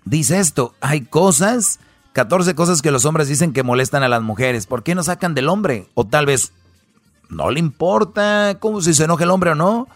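A man's voice: a little high, expressive, normal speed, no room sound, soft background music. A man hosting a comedy radio show, talking in a mocking, wisecracking way.

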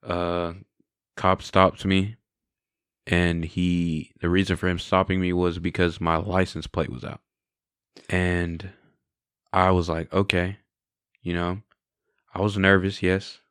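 Speaking slowly with long pauses, a man in his twenties gives his testimony in a low voice that barely moves in pitch yet sounds fairly bright. The audio is studio quality, with a clean tone and no room sound. His casual storytelling is candid and reflective, peppered with "you know" and "right?"

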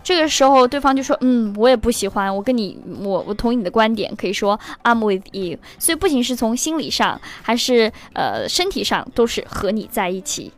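A woman's voice: on the high side, very animated. Woman teaching English through song lyrics. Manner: slows down to spell and repeat words.

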